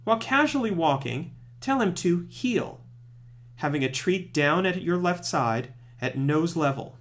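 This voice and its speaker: Male presenter for scripted tutorial narration. Strongly varied intonation, pitch a touch above average, clear instructional delivery. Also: animated, unhurried. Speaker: presenter of puppy training tips.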